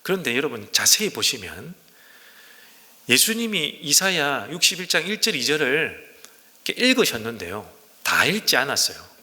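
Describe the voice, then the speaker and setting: Male pastor, sermon, emphatic, rhetorical questions, slightly high voice, long church reverb. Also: big pitch swings, normal speed, pushed and bright. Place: church sanctuary.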